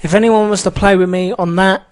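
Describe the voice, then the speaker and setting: With a high-pitched, steady tone and a brisk delivery, a man who hosts a gaming channel goes off about an online match. His casual rant is heated and full of swearing, and he rambles with many restarts.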